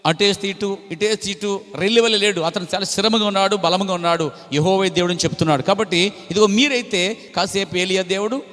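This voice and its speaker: A man's voice: high-pitched, fast, fairly bright tone. A man preaching a sermon, with emphatic repetition and frequent praise interjections. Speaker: pastor. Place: church hall. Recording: long hall reverb.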